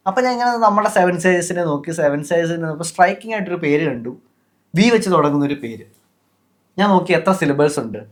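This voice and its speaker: Podcast host, Malayali man, slightly high pitch, loose conversational delivery. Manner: chatty, mixes English words into speech, many fillers. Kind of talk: casual explanatory talk.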